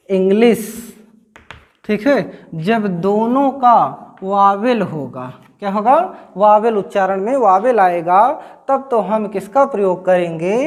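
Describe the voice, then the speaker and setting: A middle-aged woman teaching grammar to schoolchildren. She speaks at an unhurried pace in a mid-range voice. She keeps asking her class questions and answering them herself, repeating each word. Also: mid-range voice.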